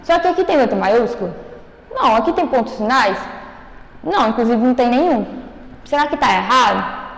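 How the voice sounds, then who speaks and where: Woman teacher, fairly high voice, explanatory, frequent check-in tags, remote class, roomy echo. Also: animated, moderate pace, vocal fry, long pauses. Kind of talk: recorded remote class lesson. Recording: echoey, reverberant room.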